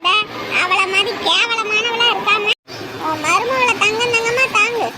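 A woman's voice: extremely high pitch, a little slow, crowd noise. An actress playing a stern woman who lectures and threatens a cruel mother-in-law. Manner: scolding, lecturing, menacing. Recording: noisy background.

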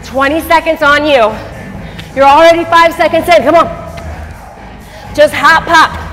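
A woman with a high voice leads an energetic exercise class. She barks short, urgent commands like a gym coach, pushing people on. The sound rings around a large studio, with faint music behind her. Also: measured pace, a faint crowd. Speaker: fitness instructor. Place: large empty dance studio, indoors. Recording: echoey studio hall, distant mic, faint music.

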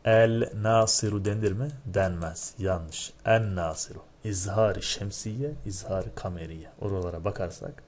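A male teacher with a somewhat low voice goes over exam answers in a recorded lesson. He explains each point step by step, often stopping to ask rhetorical questions. Faint noise sits under his voice. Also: unhurried, hardly any pauses, darkish tone. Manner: recites word forms in a drilled, chanting rhythm.

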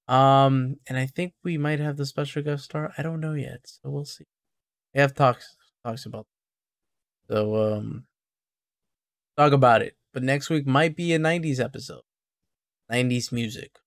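Male podcast host, mid-pitched, dry close sound, brisk promo sign-off manner. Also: no echo. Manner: brisk promotional listing of links and schedule. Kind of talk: casual podcast chat and sign-off.

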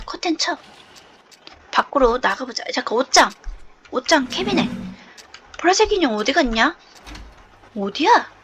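Woman streamer, horror game playthrough, high voice that swings a lot, jumpy and chatty. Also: a bit bright, a little hiss or hum. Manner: chatty, jumpy, lots of nervous laughter. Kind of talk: horror game let's play.

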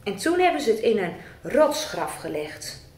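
A woman leading a children's church service, telling a story to the children in a gentle, animated way. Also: medium pitch, moderate pace. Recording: echoey church.

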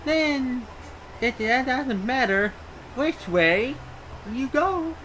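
A man's voice: very high voice, expressive, very slow, fairly bright tone, faint music behind, heavily acted, poor audio. A man voicing a mischievous, mad, grinning cartoon cat with a playful, teasing manner, in a fandub. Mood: teasing, languid. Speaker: amateur fandub voice actor.

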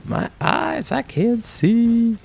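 Extremely slow yet animated, a mobile game host speaks in a very high, creaky, slightly mellow voice made stuffy and nasal by a cold. He rambles casually and leans heavily on fillers, with slight background noise behind him.

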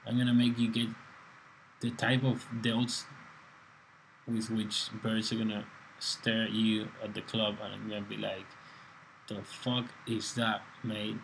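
A fitness coach talks over his workout in an easygoing, bantering way that is full of swearing. His voice sits fairly low and stays even and level, with little rise and fall. A faint hiss of noise runs underneath. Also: unhurried, gravelly, long pauses, rough recording. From Spain. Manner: laid-back, swearing, joking banter. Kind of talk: casual workout voice-over commentary. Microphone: voice-over, close mic.

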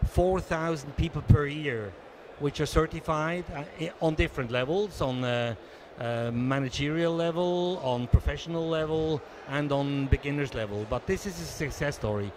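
A man in his sixties from Switzerland, giving a measured, businesslike conference interview into a handheld mic, pausing often. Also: fairly high pitch, noisy background. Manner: measured, businesslike, many hesitations. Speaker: interviewee, association treasurer. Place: conference booth indoors.

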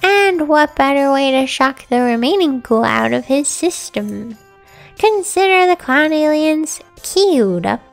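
A woman plays a scheming cool-kid bully girl from a cartoon game. The voice is high and creaky, bossy and sardonic, with music underneath. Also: expressive, unhurried, heavily acted.

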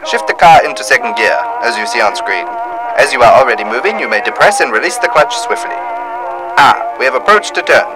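A man's voice: mid-range voice, low-quality recording. A man presenting a scripted 1930s-style instructional film as narrator, with a formal, old-time announcer delivery. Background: music.

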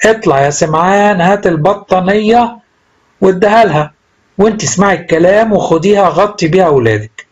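Gentle selfless old bishop, read by a man, Egyptian Arabic accent, calm and fatherly, slightly raised husky voice. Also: sits high, fairly quick, highs cut off, voice pushed up.

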